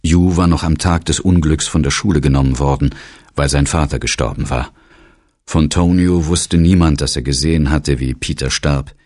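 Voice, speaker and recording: A man reading an audiobook novel as narrator in a measured, even storytelling manner. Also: very deep voice, no echo, clean studio sound. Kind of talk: scripted narration.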